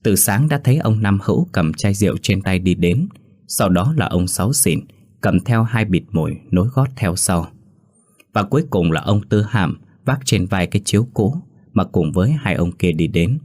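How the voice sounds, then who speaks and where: A man narrating a horror story in a steady, even storytelling manner. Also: deep voice, moderate pace.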